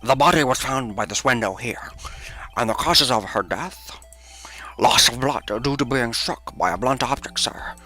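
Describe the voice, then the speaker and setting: A man voicing an eager, blustering male police detective in a video game, loud and saying "sir" over and over. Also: medium pitch, moderate pace, soft background music.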